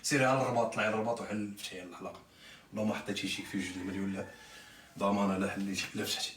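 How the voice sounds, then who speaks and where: A man's voice: fairly low pitch, steady tone, very fast, a bit bright. A man with a Moroccan accent in heated informal live chat, talking in an emphatic, exhorting way. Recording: echoey, distant, noisy sound.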